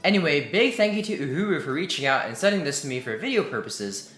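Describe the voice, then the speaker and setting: Man, tech reviewer, upbeat, fairly high voice, echoey room, faint music behind. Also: expressive, quick pace, fairly bright tone. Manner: upbeat, enthusiastic. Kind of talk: scripted product review. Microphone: desk USB condenser mic. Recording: roomy echo, faint music.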